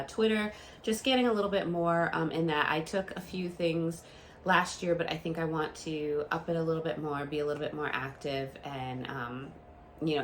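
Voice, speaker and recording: A low, fairly bright woman's voice, slightly hissy or humming in the background. In her late thirties, she runs a book channel and speaks casually to the camera, sounding stuffy and nasal from a cold as she keeps saying um and restarting her thoughts.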